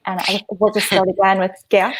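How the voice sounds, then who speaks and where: A woman moderating an author panel over a video call, briskly inviting each guest to speak. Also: mid-range voice, little pitch movement, a little hiss or hum. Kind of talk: panel discussion.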